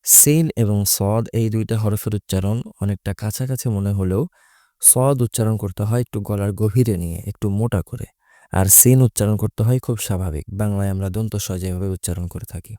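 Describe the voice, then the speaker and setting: A man's voice: fairly low pitch, a little fast, dark tone, dry recording, clean studio sound. A man teaching Quran recitation, explaining Arabic letters patiently and methodically, repeating each letter's sound.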